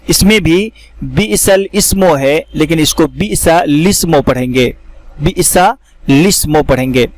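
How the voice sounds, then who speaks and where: A man teaching how to read the Quran, explaining each word and then reciting it slowly with drawn-out vowels. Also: on the high side. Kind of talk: step-by-step recitation lesson.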